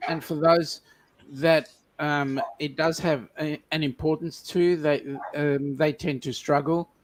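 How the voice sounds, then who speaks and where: A man from South Africa on a casual live-stream panel, teasing drily and pausing on ums. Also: on the high side, fairly even intonation, poor audio. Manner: dry teasing, halting with ums.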